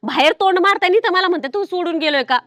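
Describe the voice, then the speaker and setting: Actress as a fast-talking, high-voiced village wife, nagging and accusing, dry close sound. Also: female voice, fairly bright tone, no echo, soft background music. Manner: reproachful, nagging questions. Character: hurt, accusing village wife in her prime. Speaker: suspicious wife. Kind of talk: comedy film acting.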